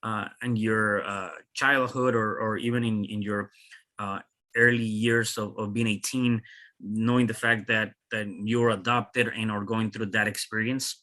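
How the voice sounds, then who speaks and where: A man's voice: fairly low pitch, level tone, measured pace, sharp tone. A man hosting an interview podcast, asking questions with many fillers and restarts. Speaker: podcast host.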